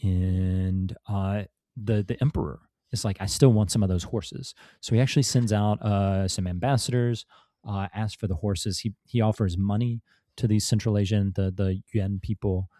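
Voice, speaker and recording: This man, an author appearing as a podcast guest, recounts a history story in a fairly low, mellow voice with a steady tone and moderate pace. He rambles casually, full of fillers and restarts, laughing now and then, in clean studio sound with no echo.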